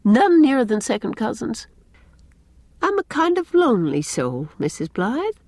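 Pitched a little high, above her own natural voice, a woman reading a storybook plays a brisk middle-aged village spinster full of gossip and opinions. The mood is brisk and hearty, the delivery folksy and emphatic with very lively intonation, and the audio is dry with no room sound.

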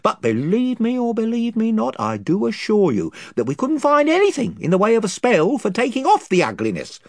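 A man's voice: high-pitched, wildly swooping pitch, a little fast, darkish tone, dry recording, clean studio sound, pitched above the performer's own voice, exaggerated voice. A man voicing a self-important chief of invisible creatures who rambles and loses his thread. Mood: rambling. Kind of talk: audiobook character voice.

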